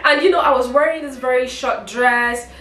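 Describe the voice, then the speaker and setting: A woman's voice: high voice, steady tone, normal speed, a bit bright, recorded from a distance. Woman telling a story in an echoey room. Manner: emotional, vivid retelling with asides to viewers. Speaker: vlogger. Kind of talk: casual storytime monologue. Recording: roomy echo, mic set back.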